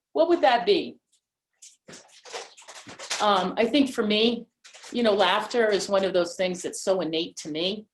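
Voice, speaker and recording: A woman hosting an online holiday gathering, talking casually and haltingly with many fillers over a video call mic. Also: mid-range voice, a little hiss or hum. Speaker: event host.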